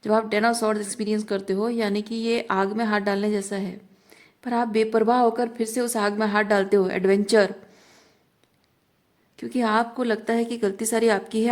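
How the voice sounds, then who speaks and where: A woman reading tarot cards for the viewer, earnest and repetitive, mixing English words into her Hindi. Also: medium pitch. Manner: earnest, repeats phrases for emphasis, mixes English words into Hindi. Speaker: tarot reader.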